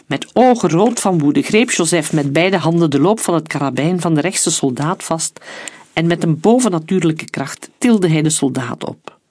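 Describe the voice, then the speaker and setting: A man's voice: expressive, moderate pace. A man reading an audiobook story, shifting his voice for the dialogue. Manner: reads dialogue with shifts in pitch and loudness. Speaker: narrator. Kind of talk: audiobook narration with character voices.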